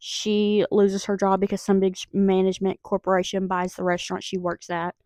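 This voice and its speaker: A young woman with a Southern accent chatting excitedly about books she read, with lots of fillers. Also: mid-range voice, fairly quick, no room sound. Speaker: book vlogger. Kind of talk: casual book review chat.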